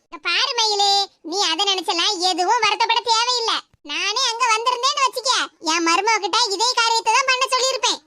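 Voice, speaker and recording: A woman voicing a proud, warm-hearted middle-aged village aunt in an animated cartoon, speaking a southern Tamil Tirunelveli-Kanyakumari dialect in an affectionate, comforting and dramatic way. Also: very high voice, a little fast, slight background noise.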